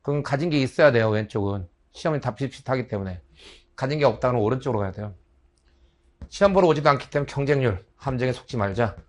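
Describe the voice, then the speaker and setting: A man's voice: medium pitch, fast talker. A middle-aged man giving a lecture to exam students, chatty and joking, slipping into slang and acting out little dialogues. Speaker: biology instructor for transfer exam prep. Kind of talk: lecture with casual asides.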